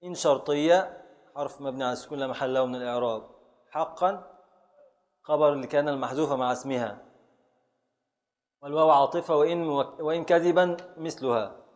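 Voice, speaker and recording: Speaking fairly quickly with frequent pauses and a fairly high pitch, a man in a large hall teaches Arabic prosody and grammar in Egyptian Arabic. He calls on students while patiently repeating and scanning words aloud.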